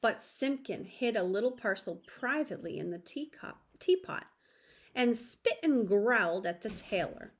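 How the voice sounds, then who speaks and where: A woman narrating a children's story aloud in a gentle, expressive manner. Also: mid-range voice, unhurried.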